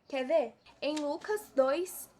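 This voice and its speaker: A woman's voice: high voice, takes it slowly, a little mellow, slight background noise. A woman from giving an informal devotional sermon, always throwing rhetorical questions at her listeners. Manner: preachy, full of rhetorical questions. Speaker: preacher.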